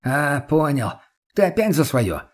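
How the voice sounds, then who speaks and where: A jittery young junkie, stubborn and quick to swear and flare up, played by a male narrator. The voice is pitched a little high and sounds husky. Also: big pitch swings. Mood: irritable. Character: nervous foul-mouthed young drug addict man, stubborn.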